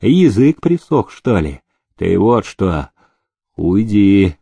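A man voicing a quick, chattering housekeeper woman who is bold and pert. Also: on the low side, sing-song, gravelly, warm tone, breathy edge, dry recording, exaggerated voice.

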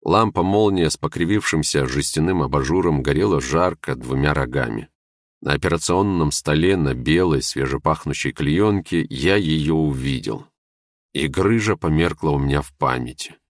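A man narrating literary prose in a measured, expressive reading. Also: rumbling low, no echo, clean studio sound. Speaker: audiobook narrator.

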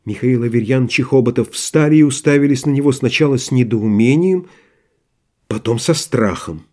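A man narrating a literary audiobook in a measured, even storytelling manner. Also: mid-range voice.

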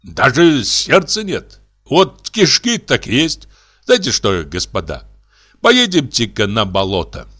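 A man's voice: mid-range voice, huge pitch swings, slow pace, a bit bright, full character voice. A man voicing a fussy, chatty clerk who rambles and coaxes the others. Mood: eager. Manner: eager, rambling, coaxing.

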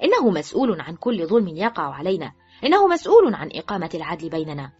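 A woman voicing a reckless, sharp-tongued teenage girl with a shrill, mocking voice, in an audiobook. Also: big pitch swings, fast talker, breathy edge, full character voice. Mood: defiant. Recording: dull lo-fi with faint music.

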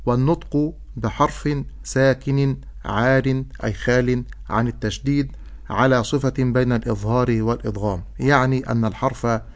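A man teaching Quran recitation, explaining rules and then reciting example words slowly and drawn out. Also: mid-range voice, steady tone. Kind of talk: tajweed lesson with recited examples.

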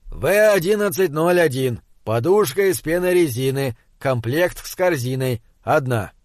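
A man's voice: a little high, expressive, a little slow, no room sound. An exasperated male spaceship captain, shrewd and bossy, pressing his crew with a raised, impatient voice, as a man reads him. It comes across as a dry, close audiobook read. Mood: businesslike. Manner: impatient, shouting when pressed.

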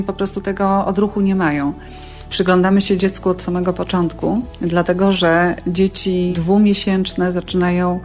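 Female speech therapist, mid pitch, didactic explaining, faint music under. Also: a little mellow. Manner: didactic, demonstrating sounds. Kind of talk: radio interview answer.

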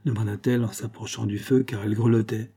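A man narrating a literary audiobook in a measured, steady reading. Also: lowish voice, husky.

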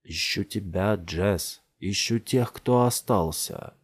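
A man voicing a slow, menacing zealot. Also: low-pitched, husky, full character voice. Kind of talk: audiobook character voice.

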